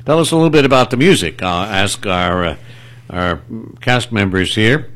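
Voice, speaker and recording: A man's voice: lowish voice, expressive, moderate pace, a bit bright. A man hosting a casual interview, chatty and asking follow-up questions. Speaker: interviewer host.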